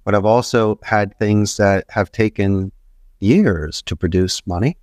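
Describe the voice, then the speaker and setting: As a podcast guest, a middle-aged call center entrepreneur from Philadelphia rambles through motivational business advice, repeating phrases emphatically in an interview. He speaks a little slowly in a low, darkish voice, recorded at studio quality with no echo.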